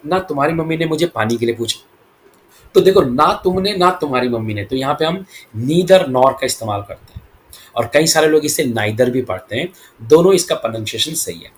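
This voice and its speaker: Man, English teacher explaining in Hindi, quick talk with slow deliberate examples, mid pitch, faint noise behind. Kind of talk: Hindi-language English lesson.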